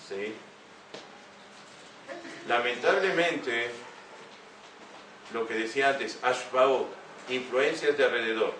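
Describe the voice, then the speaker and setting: A man's voice: medium pitch, slow pace, long pauses, sharp tone, a little hiss or hum. Older man giving an earnest talk in an echoey room. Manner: earnest, asks rhetorical questions. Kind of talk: talk to a young audience. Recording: echoey room heard from a distance.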